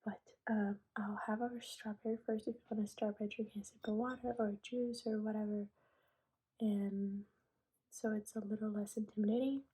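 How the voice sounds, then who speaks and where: Young woman, breathy ASMR whisper, mellow, flat delivery, filler-heavy casual chat. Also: mid-range voice, normal speed, poor audio. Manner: soft whisper with many fillers. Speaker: ASMR creator.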